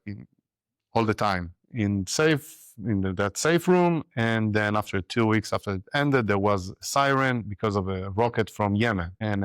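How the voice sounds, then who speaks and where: A man with an Israeli accent giving a personal account as an interview guest, speaking haltingly with reflective asides. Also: lowish voice, clean tone, no echo. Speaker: interview guest, army reserve medic.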